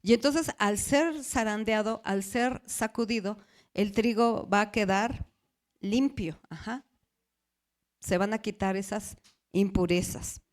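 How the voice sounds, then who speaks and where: A woman's voice: mid-range voice, takes it slowly. A middle-aged woman pastor, preaching a sermon and asking the congregation questions, drawing out key words.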